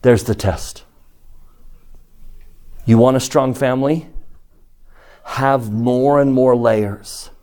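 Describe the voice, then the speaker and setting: A man teaching a scripture lesson to a group, asking his listeners questions in a slow, emphatic way. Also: mid-range voice, steady tone, dark tone. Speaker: church teacher.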